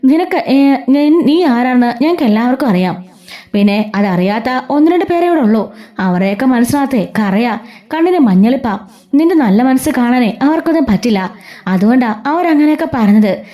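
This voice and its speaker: Woman playing a protective, defiant young man, brisk and reproachful. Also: high-pitched, lively intonation, mellow. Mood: defending, soothing.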